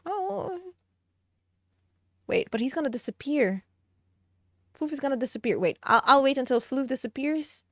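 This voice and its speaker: A woman's voice: sits high, animated, no echo, clean studio sound. A woman streamer chatting casually and giggling while she draws on stream. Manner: slow, musing, giggly.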